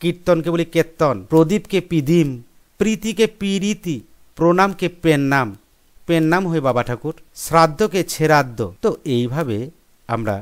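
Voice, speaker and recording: A man teaching a school grammar lesson, explaining step by step and listing examples one by one. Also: fairly high pitch. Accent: Bengali. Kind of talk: classroom lesson.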